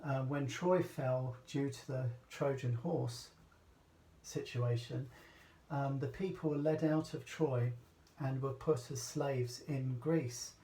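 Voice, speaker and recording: A man from Britain talks in a loose, halting way, with plenty of fillers and restarts. His voice is mellow and dark, and it is picked up from a distance in an echoey room. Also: mid-range voice. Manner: hesitant, rambling, many fillers and restarts. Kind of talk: casual talk.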